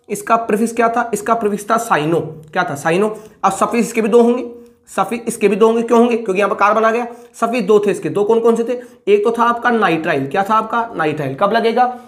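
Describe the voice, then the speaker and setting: A man's voice: sits high, fairly bright tone. A male chemistry teacher recapping a lecture, who asks each question twice and then answers it himself.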